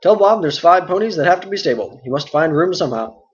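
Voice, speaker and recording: A man voicing a fat, bustling, talkative innkeeper who speaks loudly and in a hurry, on a dull lo-fi recording. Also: on the high side, lively intonation, pitched above the performer's own voice, lightly acted. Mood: bustling chatty. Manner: loud, hurried, endless stream of talk. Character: fat bustling middle-aged male innkeeper, chatty.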